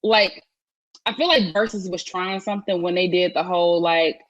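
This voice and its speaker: A woman's voice: lowish voice, steady tone, normal speed, no room sound, highs cut off. A woman co-hosting a casual chat podcast, opinionated and emphatic, with frequent restarts. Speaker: podcast co-host.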